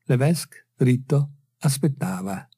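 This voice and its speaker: A man reading a classic short story aloud in a calm, unhurried way. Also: mid-range voice, vocal fry, slightly rough, dry recording, clean studio sound. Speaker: audiobook reader. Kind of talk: literary narration.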